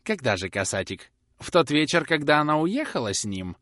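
A man's voice: mid-range voice, very animated, normal speed, a bit bright, no echo, clean studio sound. A man voicing a grasping, sly old woman who coaxes and snaps as she pries for secrets, in a storybook reading. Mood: coaxing. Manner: wheedling, coaxing, then snapping. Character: grasping sly old crone, prying and fierce.

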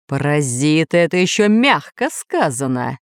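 A woman's voice: low voice, very animated, normal speed, no echo, studio quality. Woman playing a blustering villain lord. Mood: furious. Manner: growling, snapping, pompous. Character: blustering villain lord, male, angry and pompous. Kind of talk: audiobook character voice.

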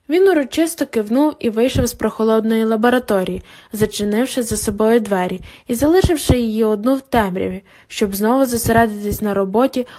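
A woman's voice: a little high, mellow. Woman narrating an audiobook.

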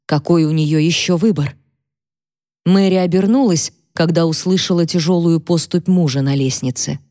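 A woman narrating a historical novel in even, measured scripted storytelling. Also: on the low side, no room sound, clean studio sound. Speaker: audiobook narrator.

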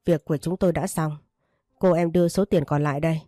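Woman narrating a romance story, low and mellow. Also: fairly even intonation, quick pace, no room sound, clean studio sound, faint music behind. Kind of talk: first-person romance audiobook narration.

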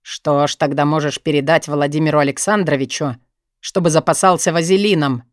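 A woman's voice: deep voice, moderate pace, dry recording, clean studio sound, voice pushed down, lightly acted. A woman reading an audiobook, voicing a smug young male student who blackmails with a cold, lazy drawl. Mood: sneering. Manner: cold, sneering, lazily drawling.

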